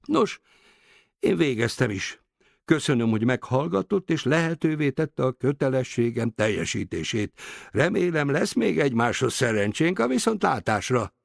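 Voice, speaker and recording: A man's voice: mid-range voice, sing-song, vocal fry, no echo, clean studio sound, voice pushed up. A man voicing a stocky, formal male deputy notary in an audiobook, polite and a bit fussy. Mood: polite farewell.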